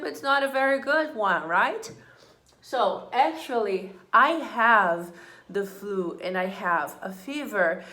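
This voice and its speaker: Slightly high and fairly bright, a woman's voice explains English grammar slowly and deliberately, repeating each example sentence patiently before breaking it down. The room is echoey.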